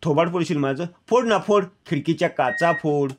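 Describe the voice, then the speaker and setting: A woman's voice: low-pitched, normal speed. A man reading the lines of a scheming young rival woman from a TV serial, taunting and mocking.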